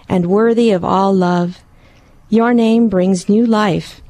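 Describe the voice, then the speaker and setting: A woman's voice: medium pitch, dark tone, no room sound. A woman who is a guest in a radio studio, speaking carefully and with some fillers. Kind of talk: radio interview and read prayer.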